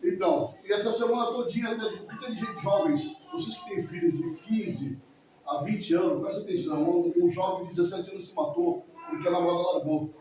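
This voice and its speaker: A man's voice: sits high, animated, fairly quick, a little mellow. A man in his forties giving an emotional, rambling testimony in church, often repeating himself. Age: 40s. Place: church hall. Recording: echoey hall from far off, faint noise.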